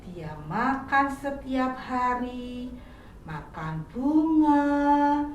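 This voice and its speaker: A woman teacher telling a devotional story to children in a slow, clear storytelling manner. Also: high-pitched, lively intonation, a little mellow, muffled recording. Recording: echoey room, from far off.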